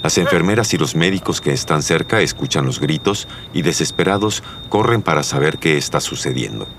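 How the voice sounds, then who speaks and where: Sex: man. Role: solemn drama narrator, very deep voice. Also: lively intonation, a little fast, a bit bright, a little hiss or hum.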